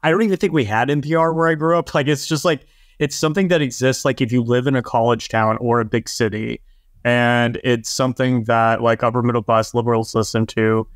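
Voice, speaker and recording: A man's voice: mid-range voice, steady tone, brisk, no echo, clean studio sound. A man co-hosting a podcast, rambling casually with frequent laughs and filler words. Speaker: podcast co-host. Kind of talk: casual panel chat.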